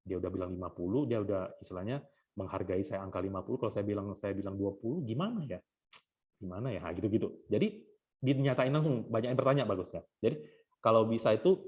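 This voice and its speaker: A man leading a sales training session for insurance agents, acting out short exchanges between agents and customers. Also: lowish voice. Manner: lively, acts out customer and agent lines. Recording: slightly dull lo-fi sound.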